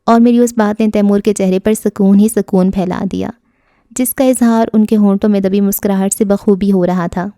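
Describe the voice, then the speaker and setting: A woman reading a romance novel aloud, calm and expressive, with a warm, mellow tone. The recording is close and dry, with no room echo behind her. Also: medium pitch, clean tone. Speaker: audiobook narrator. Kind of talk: scripted narration of a romance novel.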